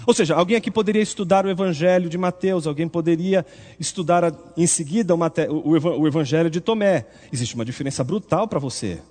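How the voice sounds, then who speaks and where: A man preaching a sermon in an animated, rhetorical way, acting out the voices he quotes. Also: on the high side, quick pace. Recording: long reverb.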